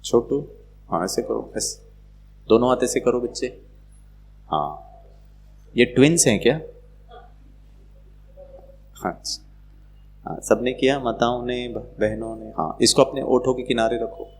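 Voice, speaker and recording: A man giving a playful, animated spiritual talk to a live audience, acting out quoted voices. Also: mid-range voice, unhurried, pauses often, a little hiss or hum. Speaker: spiritual speaker.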